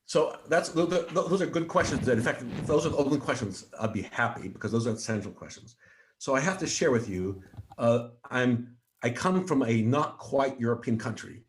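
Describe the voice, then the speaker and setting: A man from Switzerland with an American accent, answering conference questions in an animated way, often restarting his words. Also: mid-range voice, fairly quick, slight background noise. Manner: animated, with frequent restarts and stammers. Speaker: presenting researcher.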